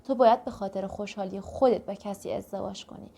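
A kind swallow bird in a storybook speaks warmly and gently urges a friend on, voiced by a woman reading aloud. The tone stays close to a plain reading voice. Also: mid-range voice, steady tone, gravelly. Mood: tender. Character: caring young female swallow bird.

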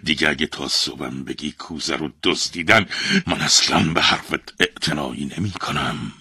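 A man's voice: extremely low pitch, sharp tone, breathy edge, no echo, studio quality, pitched below the performer's own voice, full character voice. A man voicing a huge, sleepy, short-tempered demon who growls and curses in a storybook tale. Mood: furious. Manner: growling, cursing.

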